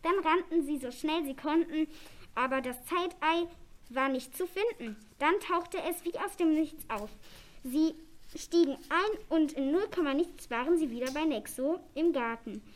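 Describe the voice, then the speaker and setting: A woman reading a children's story aloud in a plain, even way. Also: high voice, measured pace.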